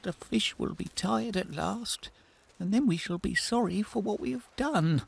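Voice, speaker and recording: A man's voice: sits high, measured pace, vocal fry, breathy edge, heavily acted. An actor playing a meek, reluctant, henpecked fisherman in a fairy tale audio drama, hesitant and pleading. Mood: weary, resigned.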